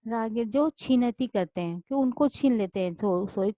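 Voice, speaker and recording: A woman's voice: on the high side, moderate pace, dark tone, no echo. Woman teacher explaining a story. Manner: explains words repeatedly, many restarts. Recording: dull lo-fi dry recording.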